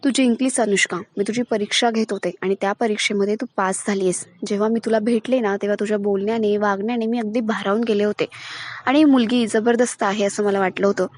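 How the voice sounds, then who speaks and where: A woman reading the lines of a stern, proud, wealthy matriarch in a firm, measured way, while retelling a TV serial. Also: medium pitch, fairly even intonation, a little mellow, no echo, lightly acted.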